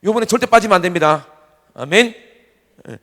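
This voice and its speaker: A man preaching a revival sermon to a congregation, animated and often shouting, firing off rhetorical questions. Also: sits high, fairly quick. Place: church sanctuary. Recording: reverberant church hall.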